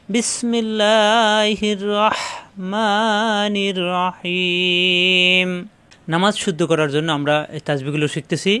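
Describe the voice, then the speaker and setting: A man teaching Quran recitation letter by letter, patiently spelling out each sound and drawing out chanted phrases. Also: on the high side. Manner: slow drawn-out chanted recitation between plain explanations.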